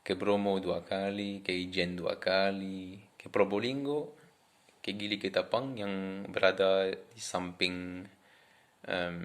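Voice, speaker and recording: A young French man with a French accent, speaking Indonesian as a foreigner in a casual, hesitant vlog introduction to camera. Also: low voice. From France. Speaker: vlogger introducing himself.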